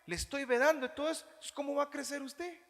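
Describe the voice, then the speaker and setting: A man with a Guatemalan Spanish accent preaching a sermon as pastor, animated, mimicking churchgoers in mocking voices. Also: very high voice, fast. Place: church hall. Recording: reverberant church hall.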